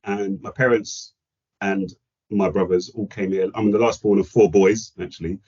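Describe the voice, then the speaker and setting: A man's voice: lowish voice, fairly even intonation, normal speed, a little mellow, breathy edge. A man in his forties from Kenya with a London accent, chatting reflectively as a podcast guest. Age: 40s. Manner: reflective, chatty, self-deprecating. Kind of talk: casual chat. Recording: dull lo-fi audio.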